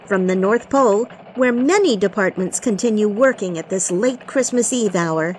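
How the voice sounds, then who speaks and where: A woman's voice: mid-range voice, expressive, moderate pace, a little hiss or hum, natural voice. Woman playing a perky elf newsreader. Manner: bright, bouncy newsreader delivery. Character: chipper female elf news reporter. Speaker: news anchor. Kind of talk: mock radio news report.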